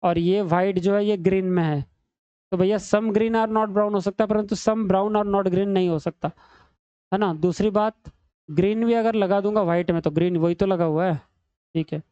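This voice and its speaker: A man with a high, warm, resonant voice and fairly even intonation teaches exam-prep reasoning at a screen at normal speed, teasing and chatting with students he calls beta and bhai, son and brother. The sound is clear but lo-fi, with no room sound.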